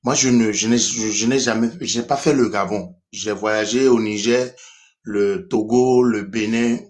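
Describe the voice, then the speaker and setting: A man's voice: fairly low pitch, steady tone, measured pace. A young man from Benin with a Beninese French accent, speaking as a caller on a live stream, hesitant with many restarts. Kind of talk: casual call-in talk.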